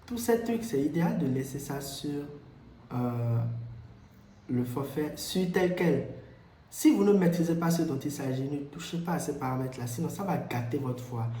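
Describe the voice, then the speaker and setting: Mellow-voiced man explaining in an echoey room. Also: on the high side, animated, normal speed, a little hiss or hum. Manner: explanatory, with frequent hesitations and repeats. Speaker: tutorial host. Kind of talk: screen-recorded software tutorial.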